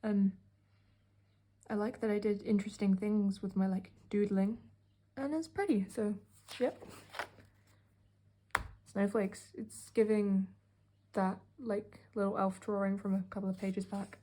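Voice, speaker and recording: A woman's voice: medium pitch, fairly even intonation, a little slow, dark tone. A young British woman from the UK narrating a casual sketchbook tour, rambling with many fillers and a sarcastic edge. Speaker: art vlogger.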